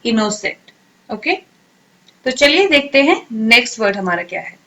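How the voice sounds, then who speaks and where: A woman teaching English vocabulary in a drill lesson, asking each question and then answering it, and sounding words out slowly syllable by syllable. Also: a little high, sing-song, bright, forceful tone, rough recording. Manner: repeats questions and answers, slow drilled pronunciation.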